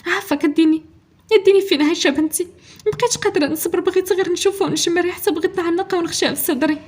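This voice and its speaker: A tearful middle-aged Moroccan mother, voiced by a woman reading a story, pleads for her lost child. Her voice climbs high, her words tumble out fast and husky. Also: darkish tone. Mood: tearful pleading.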